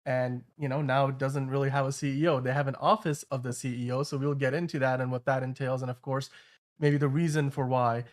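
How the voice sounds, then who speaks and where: A man's voice: medium pitch, level tone, brisk. A man hosting an entertainment news show, giving casual commentary in a loose, conversational way with frequent asides.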